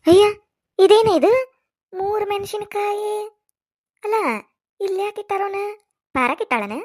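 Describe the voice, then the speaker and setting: A woman voicing a shrill gossiping village woman. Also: expressive, a little slow, a little mellow, dry recording, clean studio sound. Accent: North Karnataka Kannada. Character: excitable village woman gossiping with her neighbour.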